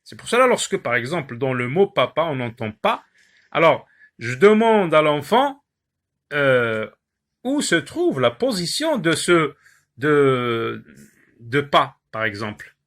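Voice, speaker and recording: A male teacher giving a lesson on syllables, repeating words slowly and pausing often with hesitations. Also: fairly high pitch, very animated, a bit bright. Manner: slow, drawn-out word repetitions with many "euh" pauses. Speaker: primary school teacher.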